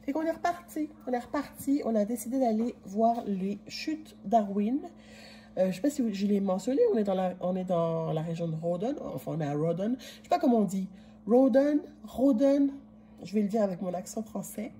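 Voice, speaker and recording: A woman's voice: medium pitch, expressive, fairly quick, warm tone, slight background noise. A woman vlogger with a Quebec French accent, short of breath and coughing, chatting casually and rambling to a phone camera propped in a chalet kitchen. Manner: rambling, chatty, many fillers. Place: kitchen of a rented chalet, indoors. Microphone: phone camera propped in a cupboard.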